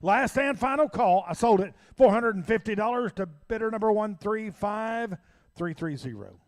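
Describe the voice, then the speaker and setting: Man, auctioneer, slightly high voice, rapid repetitive bid-calling chant, folksy.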